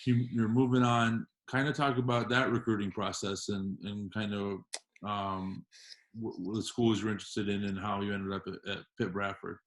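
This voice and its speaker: A man's voice: fairly low pitch, flat delivery, moderate pace, a bit bright. A young man hosting a casual interview podcast, talking in a laid-back, loose way. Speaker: podcast host.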